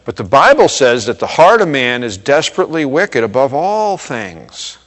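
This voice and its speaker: Male pastor, mid-pitched voice, preaching casually with emphatic lifts, echoing through a large hall. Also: very animated, normal speed, a bit bright. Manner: conversational, repeats words and checks in with "okay?"; rises in pitch and volume for emphasis. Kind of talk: sermon. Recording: long reverb of a hall.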